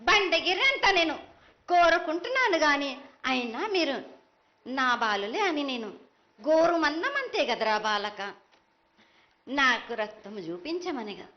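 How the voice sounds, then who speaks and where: A woman's voice: high voice, lively intonation, measured pace, long pauses. A woman with a Telangana accent delivering a ritual prophecy as a mother goddess, chanting her insistent, reproachful declarations. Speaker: temple oracle. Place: temple ritual. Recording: dull lo-fi live event sound.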